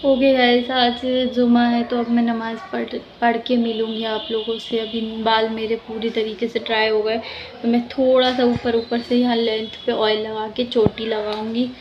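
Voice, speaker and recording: A woman's voice: on the high side, level tone, normal speed, muffled recording, slight background noise. A young pregnant woman vlogging casually at home, rambling with many fillers while lying down and sounding tired. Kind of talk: casual vlog chat.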